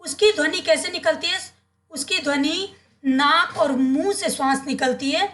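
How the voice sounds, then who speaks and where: A woman's voice: sits high, measured pace, a bit bright. A woman teaching Hindi grammar, asking her students questions and answering them herself, and repeating the key terms so they stick.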